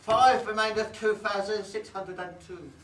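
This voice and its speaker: An actor playing a cheeky, quick-witted young schoolboy who blurts out his answers. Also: sits high, steady tone, lightly acted. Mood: blurting. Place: theatre stage, dress rehearsal. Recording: roomy stage, far from mic, noisy.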